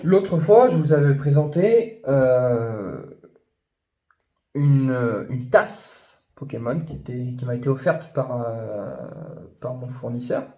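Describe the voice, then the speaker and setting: A man chatting casually about his new purchases, rambling with many fillers and restarts, and gushing when excited. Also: mid-range voice, takes it slowly, echoey room. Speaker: YouTuber showing his purchases. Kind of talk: casual unboxing chat.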